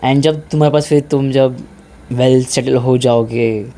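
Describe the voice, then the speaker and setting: A man's voice: medium pitch, steady tone, a little slow, mellow. Easygoing young man giving blunt advice. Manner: informal, mixes English in, says "bhai" a lot. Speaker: fitness vlogger. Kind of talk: casual advice talk.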